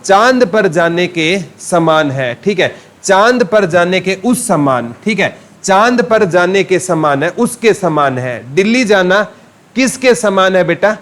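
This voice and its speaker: High-voiced man teaching a class. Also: expressive, takes it slowly, a bit bright. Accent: Haryanvi. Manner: asks questions and answers them himself, calling listeners "beta". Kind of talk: classroom lecture with memory tricks.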